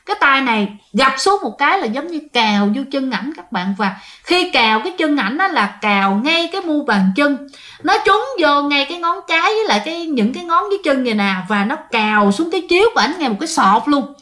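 A woman with a Southern Vietnamese accent telling a ghost story to her listeners, animated and full of quoted dialogue. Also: sits high, brisk.

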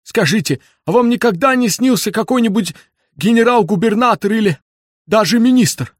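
Brief: male reader voicing a jittery old bureaucrat, shrill and whining, fawning in a storybook reading. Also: expressive, dry recording, studio quality. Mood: eager. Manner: wailing, high and drawn-out. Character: fretful old male ex-official, tearful and fawning.

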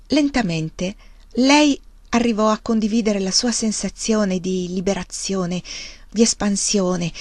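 A woman reading a novel aloud as narrator, measured and soft, slowing on key words. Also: medium pitch, dry recording. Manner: measured, soft, with slowed emphasis.

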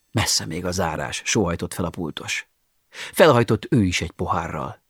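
A man's voice: lowish voice, husky, no echo, studio quality. A man narrating an audiobook in a wry, ironic storytelling manner, with sighing asides.

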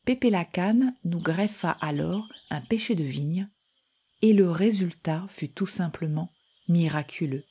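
A woman calmly reading a first-person short story aloud in a measured voice. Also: on the low side, slightly rough.

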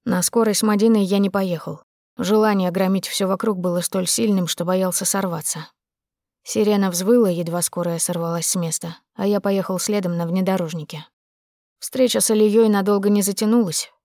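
A woman narrating an audiobook in a restrained, even first-person reading. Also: medium pitch, moderate pace, dry recording, clean studio sound.

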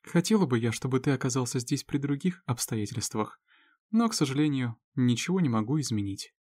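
A man voicing Lizzie, a caring, sharp-tongued woman, in a raised, teasing and scolding voice. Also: medium pitch, animated, brisk, dry recording, studio quality, natural voice. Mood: chiding, caring.

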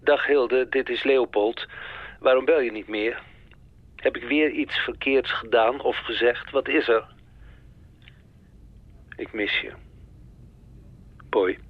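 Male actor as a worried caller leaving a voicemail; anxious, halting, heard thin over the phone. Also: medium pitch. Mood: pleading. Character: worried man pleading with a distant friend. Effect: voicemail message played over a phone line. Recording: tinny phone-line voicemail.

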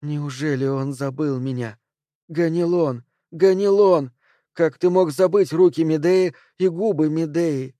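A commanding sorceress who chants and summons with rising insistence, played by a man reading aloud. Her voice sits higher than an ordinary man's and pushes louder. The reading is dry and close. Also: expressive, measured pace, no room sound, natural voice. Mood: yearning, commanding. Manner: insistent, incanting. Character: seductive commanding witch woman.

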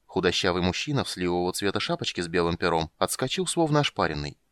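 Expressive low-voiced male narrator. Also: fast, no echo, studio quality. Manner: expressive, animated reading. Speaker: audiobook narrator. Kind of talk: scripted narration.

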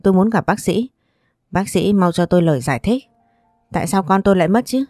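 A woman's voice: medium pitch, animated, a little fast, dark tone, dry recording, clean studio sound, soft background music, close to an everyday voice. A woman voicing a distraught young husband in a story, pressing hard with questions. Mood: demanding.

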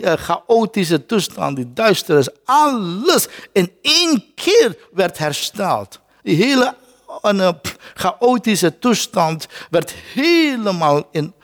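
Lively-pitched man preaching in reverb. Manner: repeats words while searching, dramatic shifts in pitch and pace for quotes. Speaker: pastor. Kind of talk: sermon. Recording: long hall reverb.

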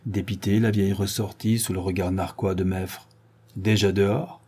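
A man narrating a crime novel in a steady reading voice. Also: low voice, normal speed, breathy edge. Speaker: audiobook narrator. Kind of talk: scripted narration.

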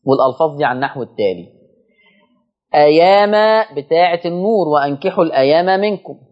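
A man with an Egyptian accent teaching Quran recitation rules on a televised lesson, chanting verses slowly and explaining in quick colloquial asides. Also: a little high, lively intonation, highs cut off. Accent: Egyptian Arabic.

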